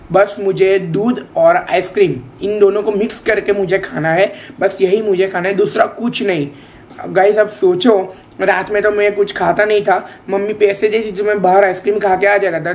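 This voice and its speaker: A young man casually chatting to his viewers in a home vlog, playful and talkative. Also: high-pitched. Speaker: vlogger.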